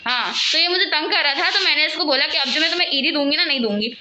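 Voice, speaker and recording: A woman vlogging casually at home, chatting and rambling to her viewers and talking loudly over household noise. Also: high-pitched, quick pace. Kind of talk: casual home vlog chat. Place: at home, cooking and sweeping nearby.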